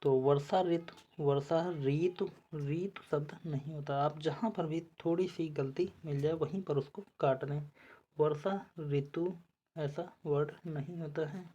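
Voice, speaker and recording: A woman's voice: sits low, steady tone, a little slow, warm tone, husky, lo-fi sound. A woman teacher working through spelling quiz answers for exam preparation, methodical and repeating each word as she checks the options.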